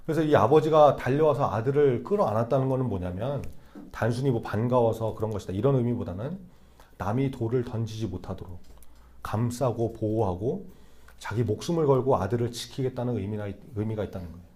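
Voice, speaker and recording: A man's voice: medium pitch, a little fast, a little mellow. A young man preaching a sermon to a youth group in a conversational way, often checking in with the listeners through rhetorical questions. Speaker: youth pastor.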